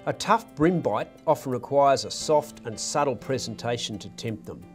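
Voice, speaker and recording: Male narrator over soft guitar. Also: medium pitch, expressive, moderate pace. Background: faint guitar music.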